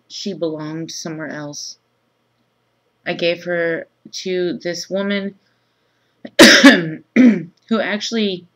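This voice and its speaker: A woman in her thirties who has just woken up, talking groggily and haltingly in a low-key, casual, confessional vlog. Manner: halting, pausing often mid-thought. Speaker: vlogger. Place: small room indoors. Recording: dull lo-fi webcam sound.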